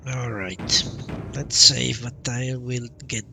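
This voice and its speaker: Over loud game music, a man streams a video game and casually thinks aloud about his play. His mid-range voice is slow and creaky, with fairly even intonation, in relaxed live commentary.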